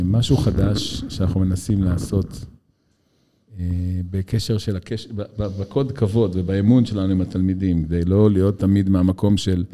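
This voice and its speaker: A man's voice: sits low, warm tone. A man interviewing in a reflective, conversational way, searching for words through long, hesitant questions. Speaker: interviewer and school educator.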